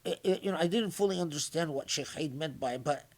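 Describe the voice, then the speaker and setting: A man giving an unscripted religious lecture, reflective and halting, often restarting his sentences and reciting short Arabic phrases before explaining them in English. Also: fairly high pitch. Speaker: scholar giving Quran commentary.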